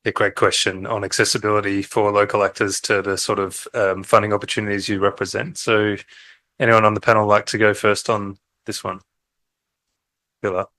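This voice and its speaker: A man moderating a panel, briskly and politely passing the floor to speakers. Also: lowish voice, level tone, pushed and bright, dry recording. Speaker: session facilitator.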